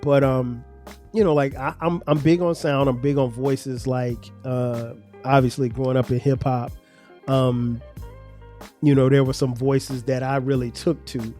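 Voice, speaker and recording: Soft background music plays as a slightly nasal, congested man with a South Carolina accent rambles through a casual solo podcast, restarting often in a conversational way. He keeps a measured pace, and his dark, mid-range voice moves very little in pitch.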